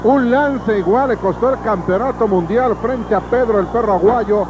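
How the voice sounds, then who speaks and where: A man's voice: high voice, moderate pace. A man with a Mexican accent giving analytical commentary on professional wrestling. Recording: dull lo-fi broadcast, very loud noise.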